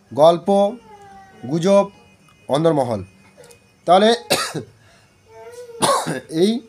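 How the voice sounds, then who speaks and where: A man teaching a Bengali grammar lesson, patient and repetitive, often pausing to check that students understood. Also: sits high. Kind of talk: classroom lesson explaining grammar.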